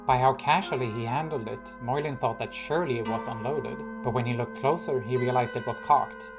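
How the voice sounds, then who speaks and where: A man reading his own fantasy story aloud in calm, even scripted narration. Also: mid-range voice, a little fast. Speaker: author and narrator. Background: guitar music.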